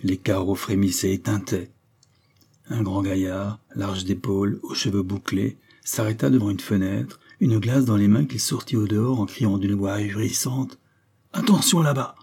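A man reading a literary audiobook with measured, grave storytelling. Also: lowish voice, fairly even intonation, creaky, dark tone, slightly rough. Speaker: audiobook narrator.

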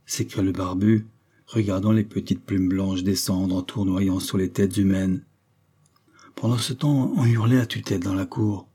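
A man reading a literary audiobook with measured, grave storytelling. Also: low-pitched, steady tone, dark tone, slightly rough. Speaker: audiobook narrator.

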